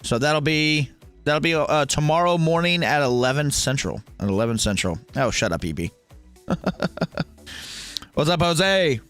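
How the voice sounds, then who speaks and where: Lively, bright-voiced man in his thirties. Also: on the high side, moderate pace, clean tone, soft background music. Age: 30s. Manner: profane, joking banter with chat. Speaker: livestream host. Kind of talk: casual sports watch-along chat, reading viewer comments.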